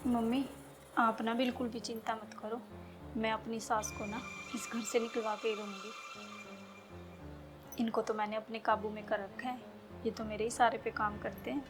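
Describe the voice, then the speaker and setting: A woman's voice: on the high side, level tone, normal speed, pauses often, loud music behind the voice, natural voice. A woman acting a scheming young daughter-in-law in a family drama skit, talking in a curt, dismissive, scolding way.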